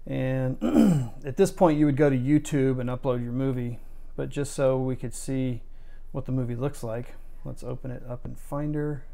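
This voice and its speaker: A man explaining video editing step by step in a relaxed, conversational way. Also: mid-range voice, normal speed, creaky. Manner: relaxed, conversational, talks through each step. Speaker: video tutorial maker. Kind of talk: casual screen-recorded tutorial.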